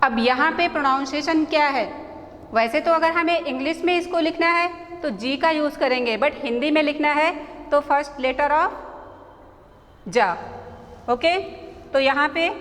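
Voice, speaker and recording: A woman teacher with an Indian accent, slowly explaining letters and their pronunciation, often repeating herself and checking whether the class understands. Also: high-pitched, a bit bright. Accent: Indian English. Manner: slow, repetitive explaining, mixing Hindi and English, checks understanding. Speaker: English teacher. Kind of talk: classroom lesson explaining spelling. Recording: echoey room with faint background noise.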